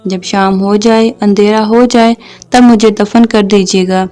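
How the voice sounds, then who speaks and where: A woman voicing a gentle, patient young mother near death, speaking tenderly and tearfully. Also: medium pitch, steady tone, faint music behind, lightly acted.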